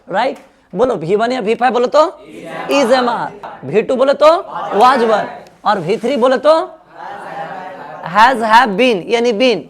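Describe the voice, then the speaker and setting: A man from India with a Bihari Hindi accent, teaching an English grammar lesson in a classroom style, asking the class questions and then answering them himself. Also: high-pitched.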